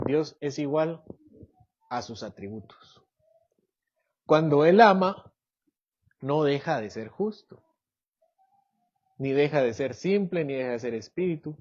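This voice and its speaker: Speaking slowly and pausing often, this man teaches church doctrine as a Bible teacher, posing questions to his listeners and playing out daily-life examples in character voices. His pitch is fairly high, his intonation lively, and his tone darkish, and the recording lacks high frequencies.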